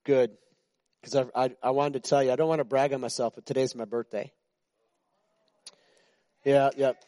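A pastor in his sixties preaches in a relaxed, chatty way, joking with his church and frequently beginning sentences again. His medium-pitched voice is warm, with little pitch movement, at normal speed on a dry recording.

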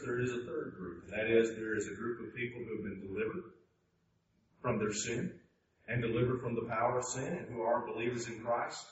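Brief: male preacher, mid-pitched, swings from hushed to loud emphasis; echoey hall, distant mic. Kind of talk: sermon. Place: church sanctuary. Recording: echoey hall, distant mic, dull sound, faint noise.

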